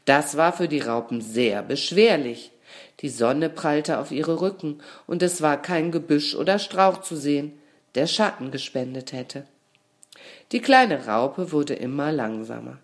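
Woman narrator for a children's story, low voice, unhurried, calm and measured.

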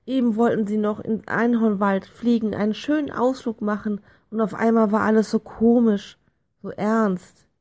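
A woman narrating a children's storybook in a calm, clear reading voice. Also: mid-range voice, normal speed. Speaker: audiobook reader.

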